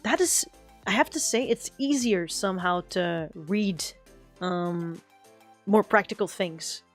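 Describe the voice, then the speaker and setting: A woman's voice: medium pitch, extremely slow, faint music behind. Chatty Kansai woman streamer. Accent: Kansai Japanese. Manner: rambling, self-correcting, mixing Japanese and English. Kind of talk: casual chat while drawing.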